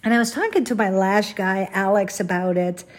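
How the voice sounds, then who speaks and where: A woman's voice: medium pitch, normal speed. A middle-aged woman from the Netherlands, hosting a podcast in a candid, rambling, self-deprecating solo monologue. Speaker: podcast host.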